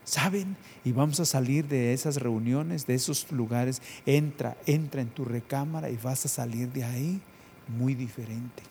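A man preaching a sermon, swinging between loud emphatic calls and quiet prayerful passages, repeating phrases for emphasis. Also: medium pitch, moderate pace, vocal fry, a little hiss or hum.

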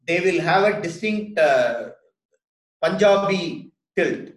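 Echoey, higher-pitched Indian man debating. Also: lively intonation, slow. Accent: Indian English. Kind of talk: casual debate. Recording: echoey room sound.

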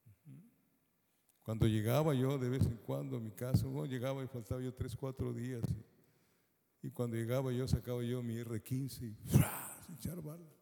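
Man preacher, gravelly low-toned voice, lively storytelling testimony, church hall reverb. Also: moderate pace. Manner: animated storytelling, acts out quoted voices. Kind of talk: sermon testimony.

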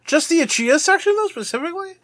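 Bright, high-voiced animated man. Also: rapid-fire, no room sound. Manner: animated, laughs often, swears casually. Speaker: podcast co-host. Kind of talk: casual anime recap chat.

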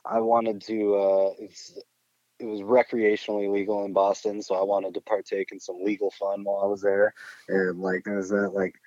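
Deep-voiced laid-back young man. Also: completely flat delivery, moderate pace, warm tone, no echo. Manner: laid-back, slangy, laughs often. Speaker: podcast host. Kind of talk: casual chat. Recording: muffled dull sound.

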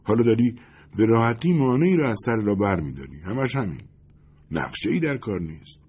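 Man playing a nervy agent, husky voice, pushy questions, audiobook. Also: lowish voice, sing-song, a little mellow, voice pushed up. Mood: coaxing. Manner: worried, pressing questions. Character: anxious male agent on the phone.

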